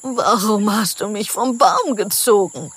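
A woman's voice: on the low side, very slow, vocal fry, a bit bright, husky, heavily acted. A woman voicing a big striped jungle animal that talks in a weepy, whining way in a storybook reading. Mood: whiny. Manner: whiny, groaning, sorry for itself.

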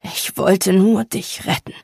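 A woman reading an audiobook, voicing a wounded, remorseful young man in a lowered, quiet voice. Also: fairly even intonation, slow, creaky, slightly rough, no room sound, clean studio sound, heavily acted.

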